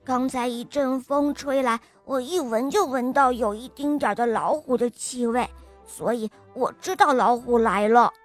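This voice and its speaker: A woman's voice: high-pitched, slow, fairly bright tone, soft background music. A woman voicing a small, stubborn boy hedgehog who answers back in a huffy, indignant way.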